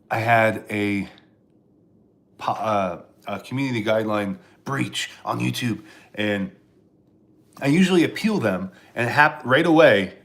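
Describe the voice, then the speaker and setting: A stand-up comedian from Pennsylvania rambles sarcastically on a casual live stream, answering chat and restarting his sentences often. His voice is medium-pitched and a bit bright.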